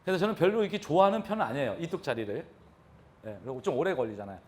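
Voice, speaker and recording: A man's voice: fairly high pitch, sing-song, very fast. A man giving a live real estate lecture, talking animatedly and throwing questions at his audience.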